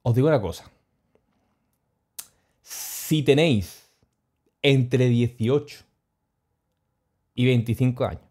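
A man spins a travel story for his stream. His voice sits at an ordinary middle pitch. He talks in an animated, slangy, joking way and keeps chuckling. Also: slow pace, pauses often. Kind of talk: casual storytelling.

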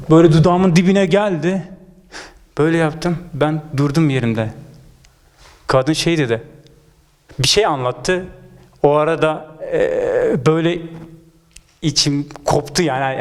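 Brief: young male guest with a slightly high voice, spins a comic anecdote and voices every quoted line. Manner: animated, acts out quoted dialogue. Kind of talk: casual comic storytelling.

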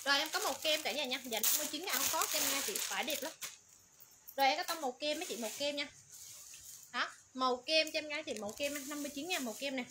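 A woman running a livestream clothing sale, rattling off colors, sizes and prices in quick, repetitive patter. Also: high-pitched. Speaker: online clothing seller. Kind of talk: livestream sales pitch. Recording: noisy background.

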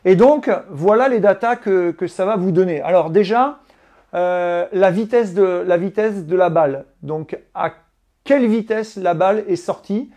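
A man from France, a golf coach, giving a relaxed live lesson indoors and pausing often to explain. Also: sits high. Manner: relaxed, explanatory, many hesitations. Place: indoors, living room with golf simulator.

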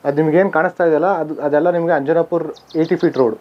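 A man's voice: on the high side, fairly even intonation, racing. A man guiding a walking tour of vacant residential plots, listing figures plainly with frequent "aa" fillers and self-corrections, recorded outdoors on a camera mic. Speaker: real estate guide touring sites. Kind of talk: walking site-tour narration. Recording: slightly dull camera audio with faint outdoor ambience.

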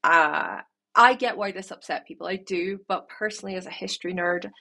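A woman's voice: fairly low pitch, fairly quick, creaky. A woman in her thirties with a slight lisp from wearing retainer-like aligners, casually commenting as she reacts to a music video. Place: small home room, indoors. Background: loud rock music from the video.

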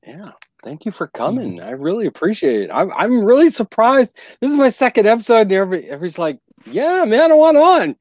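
Male stream host, lively and teasing, dry close mic. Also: sits high, fast talker, hardly any pauses, no room sound. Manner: joking, animated host. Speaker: podcast host. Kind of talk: casual panel chat.

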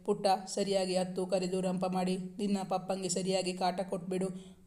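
A man voicing an affectionate young woman who has just become a mother, in an even storytelling tone. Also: high-pitched, moderate pace, natural voice.

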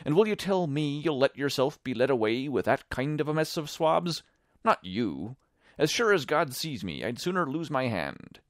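A man doing a hoarse, defiant honest sailor. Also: medium pitch, big pitch swings, normal speed, dry recording, clean studio sound, voice pushed up, natural voice. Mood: pleading. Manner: loud, rough sailor dialect. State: hoarse, shaking voice.

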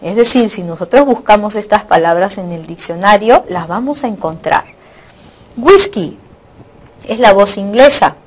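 In a recorded online lecture, a woman teacher talks at a normal middle pitch and a moderate pace with few pauses. She works through the material step by step, repeating and rephrasing each point, and checks in with students using short tag questions.

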